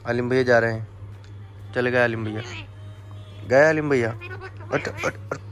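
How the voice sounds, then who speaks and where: A man's voice: mid-range voice, steady tone, normal speed. A young man filming a casual home vlog, chatting to the camera and cooing baby talk to his pet parrots. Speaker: vlogger.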